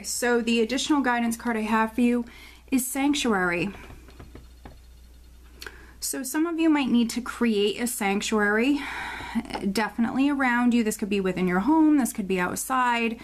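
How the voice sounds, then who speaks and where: A fairly high-voiced woman talks through a monthly tarot reading, often short of breath. She rambles, circles back and restarts her sentences. The delivery is loose and casual, full of fillers. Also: normal speed, pauses often, slight background noise. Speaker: tarot reader.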